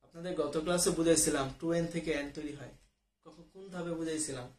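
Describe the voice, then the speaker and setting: A man's voice: fairly high pitch, fairly even intonation, quick pace, a little mellow, roomy sound. A man tutoring biology in an online class, working through quiz questions in a casual way, mixing in English words and often checking that his students follow. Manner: mixes English words into speech.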